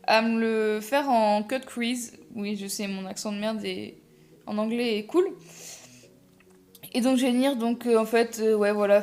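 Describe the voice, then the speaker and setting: A woman's voice: a little high, darkish tone. A young woman talking through a casual makeup tutorial, chatty and self-mocking, full of fillers and restarts. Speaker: makeup vlogger.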